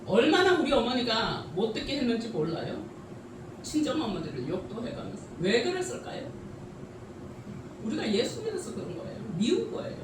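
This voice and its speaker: A woman's voice: fairly high pitch, very animated, normal speed, background noise. A middle-aged woman preaching a sermon with many rhetorical questions and frequent laughter, heard from a distance in a church sanctuary. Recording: echoey church hall from a distance.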